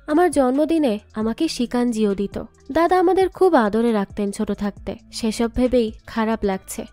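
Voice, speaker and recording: A woman narrating a family story recap in a brisk, matter-of-fact way. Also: fairly high pitch, lively intonation, dark tone, soft background music.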